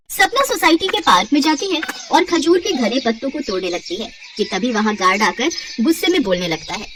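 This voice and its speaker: A woman narrating a scripted cartoon story in an even storytelling manner. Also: high-pitched, far from the mic.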